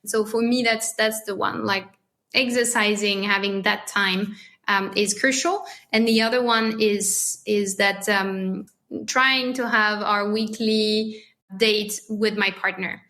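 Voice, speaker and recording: Slow and fairly even in intonation, this woman's mid-range voice has a sharp tone. She's in her thirties, from France with a French accent, and as a podcast guest she gives casual, thoughtful interview talk, often beginning phrases again.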